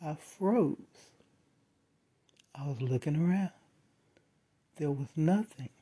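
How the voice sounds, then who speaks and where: A storyteller calmly recounting a first-person eerie encounter with measured pauses. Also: mid-range voice, slightly rough. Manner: slow, measured retelling with dramatic pauses.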